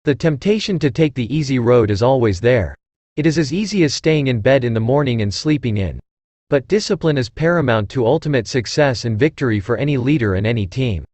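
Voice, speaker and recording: In a deep, firm voice, a man reads motivational quotes from a script, solemn and measured, leaning on the end of each phrase. His tone is darkish yet expressive, and the recording is dry with no echo or room sound.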